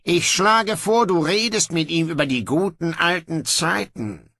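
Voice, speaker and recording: A man voicing a weary, ruthless young king who talks in gruff, dry sarcasm. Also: on the high side, unhurried, bright, forceful tone, dry recording, pitched above the performer's own voice, full character voice. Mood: sardonic.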